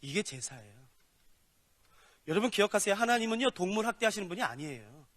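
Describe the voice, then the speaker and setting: A male pastor preaching a lively sermon, acting out little dialogues as he teaches. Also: sits high, a little fast. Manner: animated, acts out dialogues with God and people. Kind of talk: sermon lecture. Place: church hall. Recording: long hall reverb.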